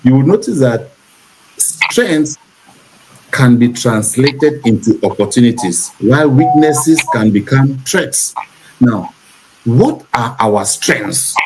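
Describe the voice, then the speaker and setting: A man from Cameroon hosting a talk show discussion, speaking in a measured, preachy way and repeating points for emphasis. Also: mid-range voice, lively intonation, noisy background.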